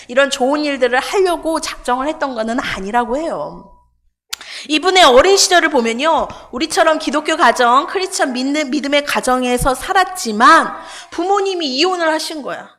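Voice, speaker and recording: A middle-aged woman pastor preaching a sermon in a church, telling a story in a lively way and acting out the people in it. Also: sits high, a little fast. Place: church sanctuary.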